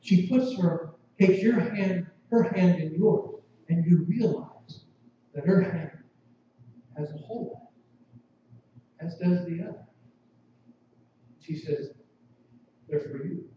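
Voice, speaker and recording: A male pastor tells a vivid sermon story, drawing listeners in with the second person. His voice sits high and mellow. He is picked up from a distance in a very echoey sanctuary, with dull sound. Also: takes it slowly, pauses often, slight background noise. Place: church sanctuary.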